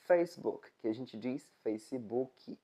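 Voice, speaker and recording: A woman from Brazil with a Brazilian Portuguese accent, teaching in a casual video lesson, explaining step by step and slowly repeating example words. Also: low-pitched, expressive, darkish tone. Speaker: English teacher.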